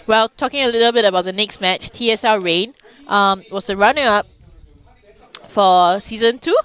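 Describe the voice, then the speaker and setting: A woman's voice: medium pitch, brisk, clear, resonant tone. A young woman co-casting an esports match, asking questions and chatting through the players. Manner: animated, curious, chatty analysis. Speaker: esports co-caster. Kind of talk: casual esports commentary.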